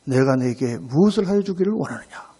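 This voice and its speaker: A pastor acting out Jesus as a calm, solemn teacher who speaks slowly and gravely. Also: male voice, medium pitch, voice pushed down. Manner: slow, grave, measured.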